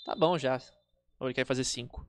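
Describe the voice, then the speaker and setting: A man's voice: medium pitch, brisk, no room sound, studio quality. A man with a Brazilian accent calling a football match live in an informal, colloquial way. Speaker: football play-by-play commentator.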